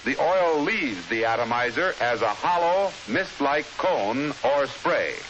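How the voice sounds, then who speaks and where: An American man reading a scripted 1950s instructional film narration in a formal, measured, explanatory manner, on an old film soundtrack. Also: medium pitch, highs cut off. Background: steady hiss.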